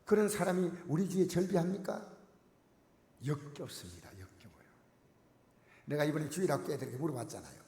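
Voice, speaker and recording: A man preaching a sermon to his congregation, emphatic and direct, swinging between loud exclamations and near-whispers. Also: on the high side, expressive, a little fast, pauses often. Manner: addresses the congregation directly with repeated questions. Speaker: pastor. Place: church sanctuary. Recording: echoey church hall with long reverb.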